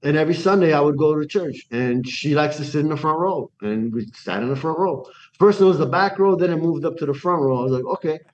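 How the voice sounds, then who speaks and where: Talking fast with few pauses, this Iranian man, the guest in a casual interview, tells the story of his life in a voice on the high side. He's animated, restarts sentences, and acts out quoted speech. The audio sounds dull, with a slight hiss or hum.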